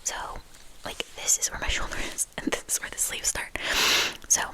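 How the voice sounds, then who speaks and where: Woman in a soft ASMR whisper. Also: moderate pace, poor audio. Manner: lingers on and repeats soft words. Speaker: host of a knitting ASMR channel. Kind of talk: whispered ASMR, casual rambling.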